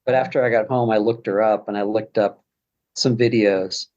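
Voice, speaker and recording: A man's voice: lowish voice, fairly even intonation, moderate pace, darkish tone, muffled recording. A man speaking as a podcast guest, rambling casually with many restarts. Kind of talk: casual conversation.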